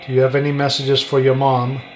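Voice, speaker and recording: A man hosting a paranormal session, putting short, deliberate questions to a spirit with long pauses between them. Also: medium pitch, monotone. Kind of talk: slow, pausing questions addressed to a spirit.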